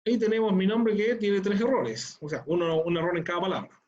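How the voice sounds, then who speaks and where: A man's voice: sits high, fairly quick, a little mellow, muffled recording. A man teaching an online class. He explains things patiently step by step and often checks in with "¿ya?".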